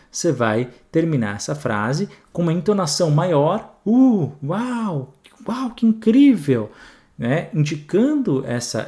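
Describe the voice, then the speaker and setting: Animated Brazilian teacher, lively pitch. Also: male voice. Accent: Brazilian Portuguese. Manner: chatty, animated, frequent "tá?" check-ins. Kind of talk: exam-prep grammar lesson.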